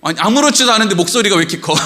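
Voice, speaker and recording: A middle-aged male pastor giving a lively, conversational sermon in a church, full of rhetorical questions and acted-out quotes. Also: high-pitched. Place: church sanctuary.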